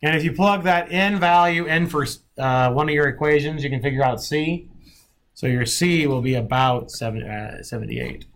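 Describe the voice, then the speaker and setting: A man's voice: fairly high pitch, normal speed, fairly bright tone. A male math instructor giving a classroom lecture, thinking aloud and often checking in with his students.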